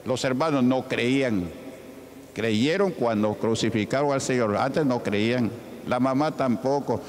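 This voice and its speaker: A man's voice: mid-range voice, unhurried. A male pastor from Peru preaching a sermon in a church hall, calling out questions to the congregation and acting out the voices of Bible figures. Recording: reverberant church hall with faint ambient noise.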